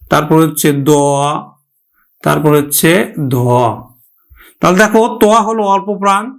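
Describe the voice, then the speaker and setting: A man with a Bangladeshi Bengali accent teaching a grammar lesson, addressing his students directly and slowly repeating each example word. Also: high-pitched, fairly bright tone. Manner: slow, drawn-out repetition of example words.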